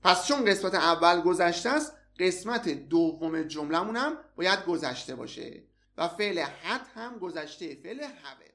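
A man teaching English in a recorded lesson, explaining patiently and saying example phrases slowly and repeatedly. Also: sits high, animated, a bit bright.

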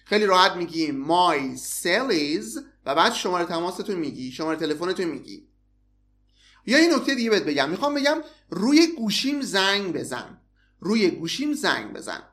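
A man teaching English in a recorded lesson, explaining patiently and saying example phrases slowly and repeatedly. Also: sits high, big pitch swings, a bit bright.

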